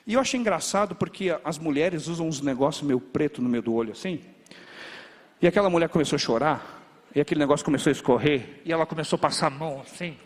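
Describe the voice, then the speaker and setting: A man preaching a sermon as a pastor, telling stories in a lively way with sound words. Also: a little high. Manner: animated storytelling with sound words. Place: large church. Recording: long reverb of a church hall. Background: hall reverb.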